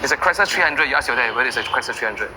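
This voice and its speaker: A man's voice: medium pitch, lively intonation, very fast, loud music behind the voice. A man with a Malaysian accent chatting casually as a vlogger, switching between Malay and English with colloquial particles. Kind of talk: casual chat. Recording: noisy on-location vlog, traffic-like ambient noise.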